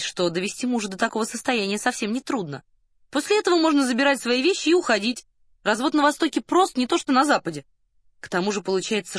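A woman reading a detective audiobook aloud in an even, storytelling manner. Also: fairly high pitch, dry recording, clean studio sound. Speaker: audiobook narrator. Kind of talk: scripted narration.

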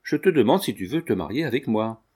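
A man's voice: medium pitch, expressive, a little fast, a little mellow, husky. A man reading a young male tailor who earnestly and tenderly pleads his love. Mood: pleading.

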